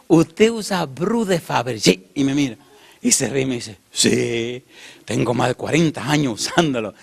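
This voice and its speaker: A man preaching a sermon, again and again asking the congregation "yes or no?" and swinging from loud calls to quiet, low storytelling. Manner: asks the congregation "yes or no?" over and over.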